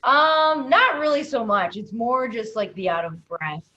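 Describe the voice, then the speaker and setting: A woman talking in a casual video call discussion, rambling with many fillers and sometimes trailing off quietly. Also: a little high, animated, a little slow, muffled recording. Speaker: comedian and guest.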